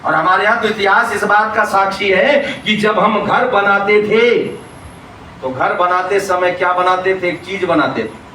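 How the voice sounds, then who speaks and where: A man's voice: high voice, unhurried, bright, forceful tone, a little hiss or hum. A man from Uttar Pradesh giving a sermon in a religious hall. He asks the congregation rhetorical questions, answers them himself, and tells everyday stories to make moral points. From Uttar Pradesh, India. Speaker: preacher. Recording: echoey hall, distant mic.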